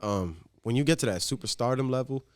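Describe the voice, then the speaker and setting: A man's voice: medium pitch, a little fast, no room sound, studio quality. A man chatting casually in slang, informal and swearing freely.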